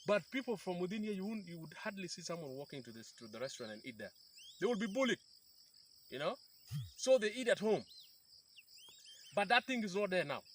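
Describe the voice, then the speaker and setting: A South Sudanese peace activist in his thirties, speaking as a guest in an outdoor interview beside a river in rural bushland, explains things earnestly and often restarts his sentences. His voice sits high and is very animated, fairly quick, with frequent pauses. There's slight background noise.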